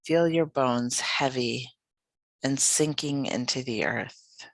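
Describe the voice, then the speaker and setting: In a dry recording, a medium-pitched voice guides a yoga nidra meditation. The delivery is soft, calming and unhurried.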